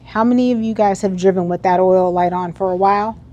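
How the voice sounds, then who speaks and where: A keynote speaker from the United States, a woman with a warm, brisk mid-range voice and fairly even intonation, gives a motivational talk in an event hall. She speaks conversationally and puts questions to the crowd, and the highs in the recording are cut off.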